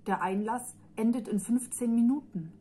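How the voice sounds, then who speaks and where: A woman's voice: on the high side, normal speed, slight background noise, voice pushed up, close to an everyday voice. A woman reading as an eager young boy. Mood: hurried. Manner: urgent, sharp when defending a friend.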